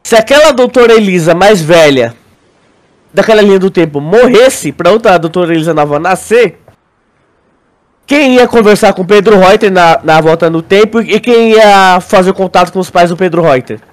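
A podcast co-host with a Brazilian accent talks casually, his explanations halting and full of repeated words as he keeps checking that his listener agrees. He has a high-pitched voice and lively intonation.

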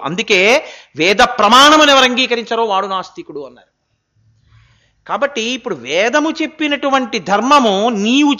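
A man giving a spiritual discourse on scripture, animated and full of rhetorical questions, now and then chanting verses. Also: sits high. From India. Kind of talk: Gita discourse, sermon.

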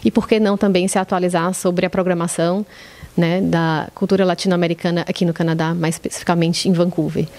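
Brazilian woman with a slightly low, creaky voice. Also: little pitch movement, fast, a little mellow. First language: Portuguese. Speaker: podcast guest, social media coordinator. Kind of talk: conversational interview answers.

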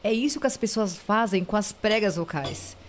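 A woman, a voice therapist, talks through her cases in a relaxed podcast chat. She makes her points with lively, concrete examples at a moderate, everyday pitch. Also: normal speed. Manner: explains with vivid examples. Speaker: voice therapist guest.

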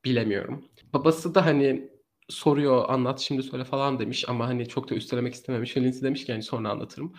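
A man co-hosting a casual true crime podcast, telling the story in an animated way and laughing often. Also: mid-range voice, fast.

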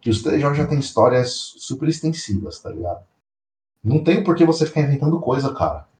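A man co-hosting a podcast in casual chat, slangy and animated, often repeating himself. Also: mid-range voice, fast, reverberant, a little hiss or hum. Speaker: podcast co-host.

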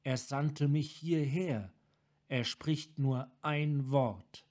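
A man voicing a tormented male wanderer who speaks in broken, halting phrases, in a fan audiobook reading. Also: mid-range voice, darkish tone. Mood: haunted. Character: haunted tormented male dragon-mage wanderer.

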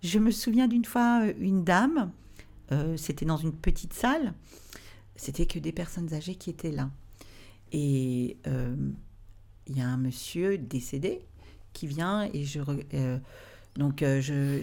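A woman, a medium who is a guest on a podcast, telling anecdotes in a lively way. She acts out the voices she quotes and drops into whispered asides. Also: sits low, measured pace. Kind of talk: anecdotal storytelling.

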